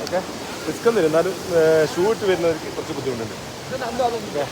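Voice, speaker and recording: A man's voice: a little high, animated, fast. A man with a Malayali accent giving casual, exclamatory vlog commentary, mixing English words into his Malayalam and repeating short phrases. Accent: Malayali, from Kerala. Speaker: travel vlogger on a group trek. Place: outdoors on a rural hill trail. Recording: noisy outdoors, wind and vehicle noise.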